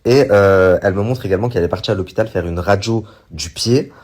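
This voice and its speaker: A man casually retelling a story to his viewers, rambling with many fillers and animated bursts when he quotes others. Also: on the low side, fast talker. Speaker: online commentator recounting a story.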